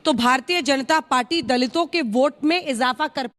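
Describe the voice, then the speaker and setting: Brisk woman news anchor, high voice. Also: fairly bright tone. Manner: brisk and firm, cutting in to keep order. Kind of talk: moderating a TV debate.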